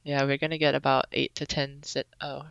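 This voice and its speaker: Speaking slowly isn't her style here: this young woman from Singapore talks briskly as a relaxed, chatty podcast guest, filling the casual interview with ums and rambling. She has a bright, crisp bass voice with a gravelly edge, and the sound is dry and slightly dull with no room tone, like a lo-fi remote call.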